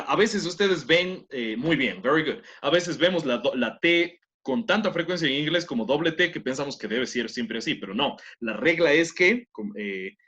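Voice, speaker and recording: A man's voice: medium pitch, fairly bright tone, breathy edge, muffled recording. A man from Latin America teaching an English class, explaining grammar step by step and often checking with tag questions. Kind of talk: online class lecture.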